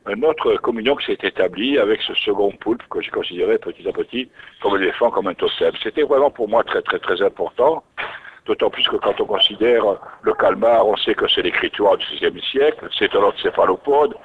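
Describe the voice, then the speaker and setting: Speaking fairly quickly in a lowish, expressive voice, a man shares his own story as a guest in an interview, musing and repeatedly restarting phrases. It comes through as thin, narrowband radio audio with slight noise behind him.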